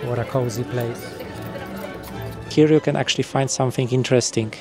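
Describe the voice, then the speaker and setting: A man's voice: medium pitch, fairly even intonation, moderate pace, a loud crowd. Chatty man vlogging outdoors, music behind. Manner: chatty, joking, easily impressed. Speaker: travel vlogger. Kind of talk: casual vlog commentary. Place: outdoors in a city market and old town. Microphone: small handheld camera mic.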